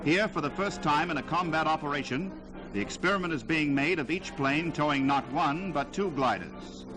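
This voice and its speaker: A man's voice: a little high, normal speed, low-quality recording. A man narrating a 1940s wartime newsreel in a dramatic, declamatory delivery, heard on an old newsreel soundtrack. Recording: loud music score underneath.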